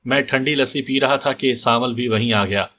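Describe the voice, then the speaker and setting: A man reading a detective story aloud as narrator in a calm, steady way. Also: medium pitch. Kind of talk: scripted audiobook narration.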